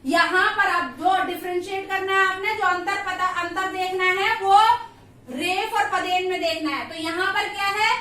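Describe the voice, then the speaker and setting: A woman's voice: very high voice, fairly even intonation, moderate pace, sharp tone, heavy reverb, far from the mic. A woman teaching grammar, patiently repeating sounds and asking checking questions. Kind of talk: classroom lesson.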